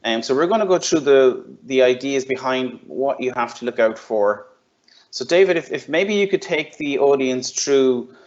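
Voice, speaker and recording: A man giving a semi-formal business briefing as presenter, explaining in a conversational, somewhat hesitant way. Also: medium pitch. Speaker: webinar presenter introducing a panel. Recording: dull, lo-fi band-limited sound.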